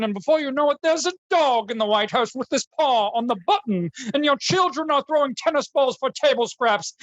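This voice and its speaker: A woman plays a pompous, easily outraged male talk-show host in a comedy radio sketch, declaiming in archaic, highbrow phrases. The recording is dry and rough.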